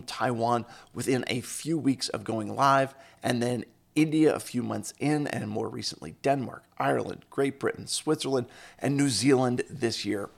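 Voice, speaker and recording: A podcast host with a mid-range, gravelly voice opens a casual interview by introducing his guest with upbeat enthusiasm.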